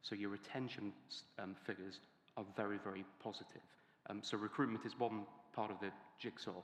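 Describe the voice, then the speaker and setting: A middle-aged man moderating a conference panel, hesitant and often pausing or repeating words. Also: lowish voice, fairly even intonation. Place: large hall on a conference stage. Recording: very echoey conference hall.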